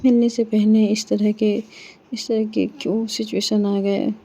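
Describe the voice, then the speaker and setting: A woman's voice: mid-range voice, little pitch movement, measured pace, warm tone. A woman voicing a hurt but loving young woman who questions and reproaches her partner, on a slightly dull recording. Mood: wistful.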